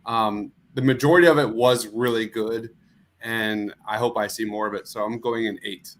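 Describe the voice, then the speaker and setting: A man co-hosting a casual chat, giving a measured verdict with frequent fillers. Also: lowish voice, steady tone. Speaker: podcast co-host.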